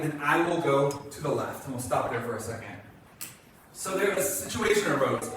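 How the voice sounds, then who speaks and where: Male pastor, conversational sermon, slightly high voice, picked up from afar in a booming hall. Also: sharp tone. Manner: conversational, acts out quotes, asks the congregation. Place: church sanctuary. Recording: echoey church hall from a distance, faint noise.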